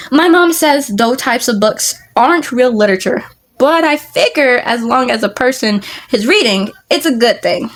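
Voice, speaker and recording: Stumbling, slightly high-voiced woman reading aloud. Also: animated. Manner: reads haltingly, stumbling over words and restarting. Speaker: vlogger. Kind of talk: casual read-aloud of a book.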